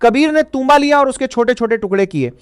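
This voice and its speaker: A woman narrating a scripted traditional story in a measured, even storytelling manner. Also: sits high, clear, resonant tone, no echo, studio quality.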